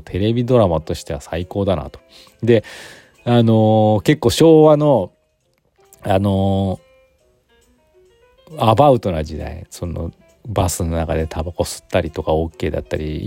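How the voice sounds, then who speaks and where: A man in his forties from Aichi, Japan, speaks with an Aichi accent in a low, mellow voice, with no room sound. As a podcast host, he chats casually on his own, rambling through lots of fillers.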